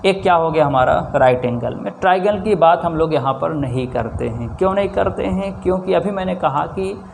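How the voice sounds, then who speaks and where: A male maths teacher with a north Indian Hindi accent and a slightly high voice. He keeps asking his class questions, answers each one himself and adds a checking "theek hai" again and again. A faint hiss of noise sits under the recording. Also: lively intonation, brisk, gravelly, darkish tone. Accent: Hindi-speaking north Indian. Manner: repeats rhetorical questions and answers them himself; often adds a checking 'theek hai'. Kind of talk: classroom lesson.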